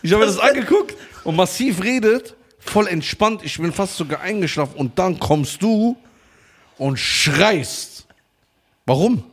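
A man's voice: high-pitched, lively intonation, measured pace, slightly rough. Teasing podcast host, a man. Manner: teasing, dry banter. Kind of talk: casual podcast chat.

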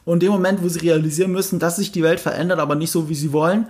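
In a relaxed conversation about a TV series, this co-host draws on film experience to break down camera decisions and toss out playful quiz questions. The voice is mid-range, steady, somewhat dark, and races along.

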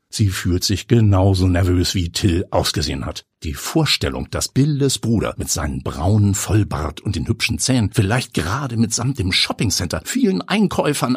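A man reading a story aloud in a steady, lively narration. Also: lowish voice, breathy edge, no room sound, clean studio sound. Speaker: audiobook narrator. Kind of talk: scripted narration.

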